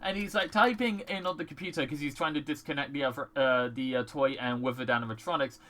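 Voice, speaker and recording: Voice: medium pitch, quick pace, a bit bright. A movie reviewer in a casual vlog, ranting in an exasperated way, swearing often and filling speech with "like". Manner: many "like" fillers.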